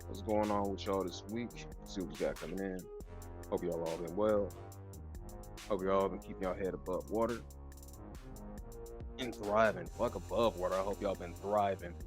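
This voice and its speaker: A man's voice: sits low, fairly even intonation, moderate pace, long pauses, over music. A man giving a casual, slangy tarot card reading, his speech slightly slurred and lisping from wearing a retainer. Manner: informal, slangy, laid-back. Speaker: tarot reader.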